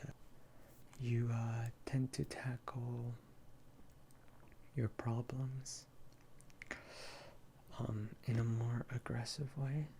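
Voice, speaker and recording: A person in an ASMR role-play as a therapist, explaining and reassuring gently in a halting, hesitant way. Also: mid-range voice, creaky, a little hiss or hum.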